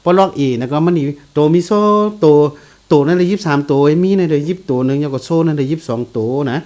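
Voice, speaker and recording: A man giving a casual guitar lesson, explaining slowly and repeating note names as he plays. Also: fairly high pitch, warm tone. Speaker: guitar teacher. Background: guitar played along.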